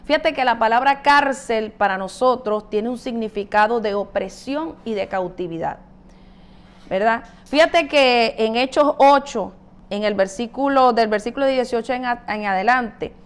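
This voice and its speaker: A woman's voice: on the high side, normal speed, smooth. A woman giving a Bible teaching, retelling a parable and explaining it earnestly to the listener.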